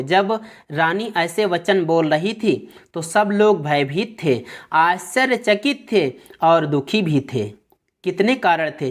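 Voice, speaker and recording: Lady teacher going through a poem verse by verse, slow and steady, low voice. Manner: reads a verse, then explains it in plain words. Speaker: Hindi teacher. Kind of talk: explaining a poem line by line.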